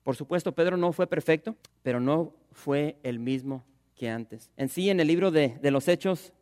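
A male pastor preaching a sermon in Spanish, emphatic, swinging between loud exclamations and hushed, slower asides. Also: on the high side, long reverb tail.

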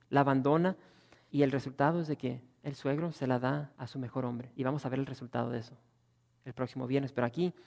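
A male pastor preaching a sermon, swinging between rising emphatic bursts and quiet asides. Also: medium pitch, gravelly. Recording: long hall reverb.

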